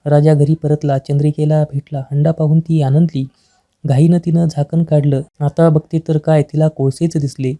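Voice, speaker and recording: Flat, dark-voiced woman telling a devotional tale. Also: sits low. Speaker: storyteller. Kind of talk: scripted devotional story narration.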